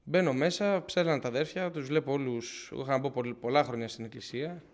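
A young man earnestly giving a personal faith testimony to his congregation, often restarting and repeating himself as he retells what happened. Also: medium pitch. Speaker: church member giving testimony.

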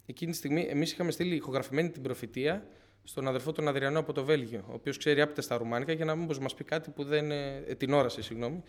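A young man with a voice on the high side offers his congregation a personal testimony of faith. His delivery is earnest and searching, full of restarted phrases, circling back, and retellings of what he just said.

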